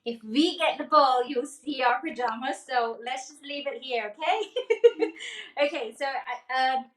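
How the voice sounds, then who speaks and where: A woman's voice: high-pitched, fairly even intonation, moderate pace, a bit bright. Chatty woman teaching cake decorating. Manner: chatty, checks in with "okay?", laughs often. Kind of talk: live demonstration, casual teaching. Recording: echoey room.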